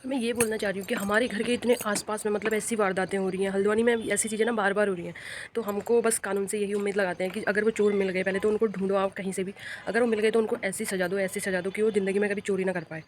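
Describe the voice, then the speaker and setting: A woman's voice: medium pitch, little pitch movement, fast talker, slight background noise. A woman giving a casual, earnest vlog account of local news from a rooftop, often repeating her points for emphasis. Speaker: vlogger. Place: outdoors on a house rooftop.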